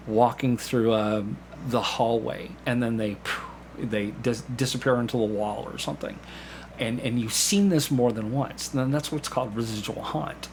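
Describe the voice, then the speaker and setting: A community theatre actor appears as a guest on a podcast, casually explaining things and sharing anecdotes in a halting way, full of repeated words and false starts. He has a mid-range voice, and the recording has clear background noise with room ambience.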